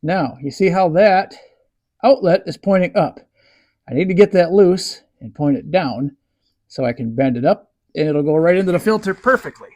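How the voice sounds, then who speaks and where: Folksy high-voiced man working on a tractor. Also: expressive, normal speed, a little mellow. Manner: folksy, talks to viewers as he works. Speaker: DIY tractor mechanic. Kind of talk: casual narration while working. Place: barn workshop.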